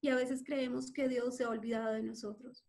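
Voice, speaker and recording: A woman preacher delivering an impassioned sermon, acting out quotations and pausing with hesitant fillers. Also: on the high side, little pitch movement, gravelly, a little mellow.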